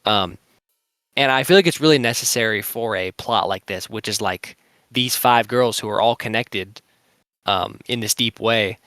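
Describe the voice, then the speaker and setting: A man's voice: on the low side, normal speed, fairly bright tone, no echo, studio quality. Rambling young man with casual chatter. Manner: rambling, heavy use of "like" fillers. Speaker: podcast co-host. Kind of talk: casual anime review chat.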